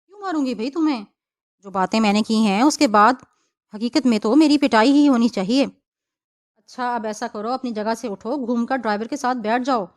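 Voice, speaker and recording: A woman's voice: fairly high pitch, natural voice. Woman voicing a gracious wealthy lady. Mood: gently amused.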